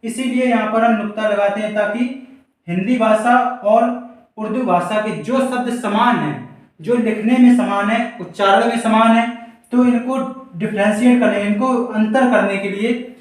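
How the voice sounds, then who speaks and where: A male Hindi teacher giving a board lesson for exam students, asking rhetorical questions and repeating example words slowly. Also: high voice, steady tone. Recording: very echoey room, mic far off.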